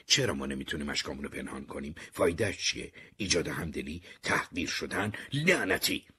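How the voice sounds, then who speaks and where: Deep, husky male audiobook narrator. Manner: expressive first-person storytelling.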